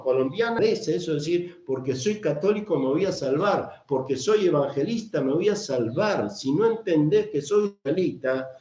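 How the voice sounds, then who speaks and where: Recorded on a camera mic in a room full of echo, this sermon comes from a man whose voice is on the high side with a dark tone. He preaches with emphasis, circling back to repeated phrases and posing questions only to answer them himself.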